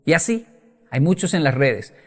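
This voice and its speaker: A man's voice: on the high side, sing-song, normal speed, darkish tone. A man giving a motivational talk on stage to an audience, emphatic and acting out the voices of the people he quotes. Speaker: motivational speaker.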